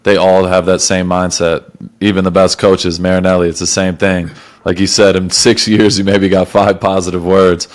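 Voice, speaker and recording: A young man hosting a casual podcast chat, animated, laughing often and swearing freely. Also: deep voice, normal speed. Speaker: podcast host and football player.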